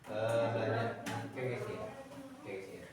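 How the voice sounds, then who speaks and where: A man's voice: mid-range voice, very animated, unhurried, over loud music. A man teaching a class, talking. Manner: rambling, with many fillers and repeated words. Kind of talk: classroom lecture. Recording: echoey classroom from far off.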